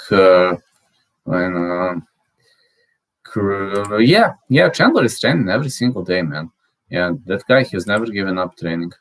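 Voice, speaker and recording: A channel host who speaks Serbian natively chats casually and reads viewer comments aloud in a lowish, fairly bright voice. He halts often, with fillers and restarts, and spells out any word he can't pronounce.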